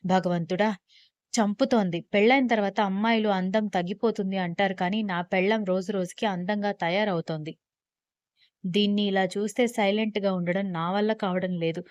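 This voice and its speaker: A woman's voice: medium pitch, steady tone, brisk, darkish tone, no echo, highs cut off, natural voice. Brief: woman narrator doing a young husband, possessive and teasing, bossy in a playful way, dry close sound. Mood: smitten.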